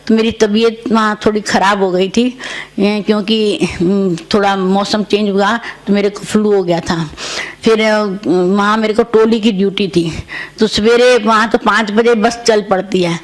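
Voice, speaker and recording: Older lady teacher telling her dreams slow and gentle, says things twice, retreat centre talk. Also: mid-range voice. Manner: gentle storytelling, repeating phrases. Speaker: senior spiritual teacher. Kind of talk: recounting spiritual dreams to a retreat audience.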